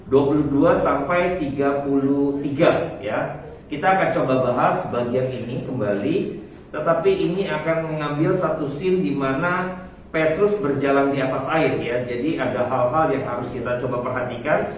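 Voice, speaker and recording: A man preaching a sermon and leading a Bible reading, halting, with many fillers and corrections. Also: mid-range voice, a little hiss or hum. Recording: echoey hall from far off.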